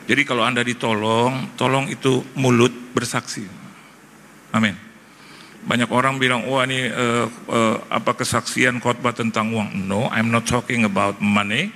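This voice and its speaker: A middle-aged male pastor giving a sermon testimony, telling the story in a lively way and acting out both sides of the conversations. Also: medium pitch, a little hiss or hum. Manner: animated storytelling, acting out dialogue.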